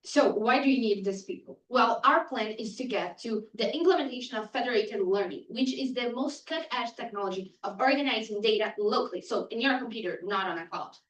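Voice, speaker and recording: A woman presenting a startup pitch and answering audience questions in a lively, teasing way. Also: fairly quick, few pauses. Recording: echoey room, distant mic.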